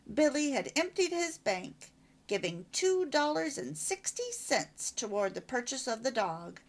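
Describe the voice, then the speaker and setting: A woman reading an old children's storybook aloud in an expressive, warm way. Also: high voice, gravelly. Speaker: storybook reader.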